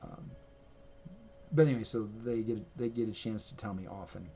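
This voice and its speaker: Indoors at home, a man with a lowish, dark-toned voice chats casually to his camera at a moderate pace, rambling and correcting himself as he shows things. The video creator's camera mic picks up slight background noise.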